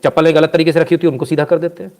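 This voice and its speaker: A man giving casual live commentary, reading out viewer comments and telling anecdotes in an animated, scolding manner. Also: fairly high pitch, very fast.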